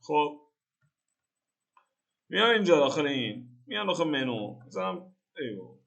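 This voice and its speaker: A man's voice: on the high side, big pitch swings, a bit bright, highs cut off. A young man from Iran giving a casual, joking coding tutorial over a screen recording and thinking aloud in slang. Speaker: programming tutor.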